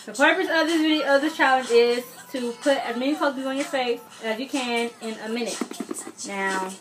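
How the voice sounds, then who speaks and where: A woman's voice: high voice, a little fast, background noise. A young woman hosting a challenge video in casual chat to the camera.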